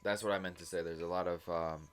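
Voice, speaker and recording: Deep-voiced young man, rambling and tipsy. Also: steady tone, fast, smooth. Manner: rambling, circles back with lots of fillers. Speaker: podcast co-host. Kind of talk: casual chat.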